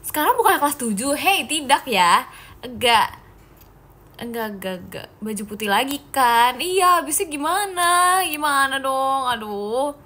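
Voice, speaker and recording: This young woman's voice is high-pitched, bright, and forceful, very animated yet unhurried. She reads out live-stream comments in casual chat, playfully teasing and giggling at her viewers, whom she calls "guys."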